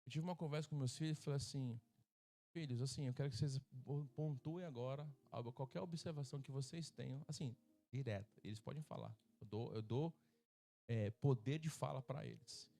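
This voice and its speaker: With a mellow, creaky voice of medium pitch, a middle-aged Brazilian pastor preaches at a church service a little fast. His Brazilian Portuguese-accented sermon is humorous, and he acts out the voices from his stories.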